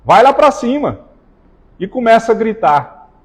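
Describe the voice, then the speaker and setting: A man preaching a sermon in a church, with slow emphatic stresses and joking asides to the congregation. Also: very high voice, very animated, slightly rough. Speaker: pastor. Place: church hall. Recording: reverberant church hall.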